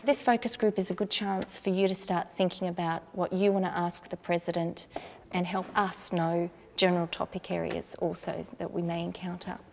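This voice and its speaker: A woman moderating a church youth focus group, asking calm, measured questions. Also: lowish voice, vocal fry, slight background noise. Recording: hall reverb.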